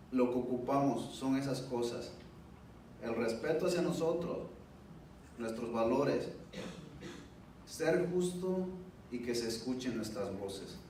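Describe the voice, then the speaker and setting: This man's voice is mid-range and warm, and he speaks a little slowly with long pauses as he shares a personal testimony in Spanish. The public event takes place in an indoor room, and the distant mic picks him up from far away amid heavy echo and faint noise.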